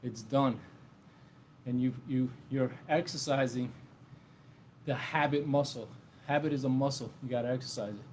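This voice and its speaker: A man's voice: medium pitch, fairly even intonation, normal speed, a little mellow, echoey room. A man leading a short home workout, explaining each exercise in a casual, encouraging way as he does it. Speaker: fitness instructor. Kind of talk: workout demonstration. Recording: distant mic with clear background noise.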